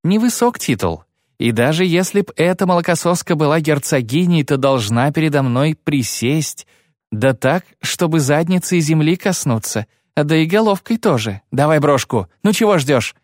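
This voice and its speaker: A man's voice: mid-range voice, lively intonation, normal speed, a little mellow, dry recording, studio quality, lightly acted. A man voicing a cold young female outlaw with a hissing, contemptuous manner.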